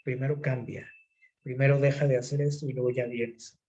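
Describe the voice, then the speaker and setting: A man gives a sermon in an easygoing, conversational tone. His voice sits at an ordinary middle pitch. He keeps asking his listeners questions as he goes. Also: level tone, fairly quick, a little mellow, muffled recording. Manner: conversational, asks the audience frequent rhetorical questions. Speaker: preacher.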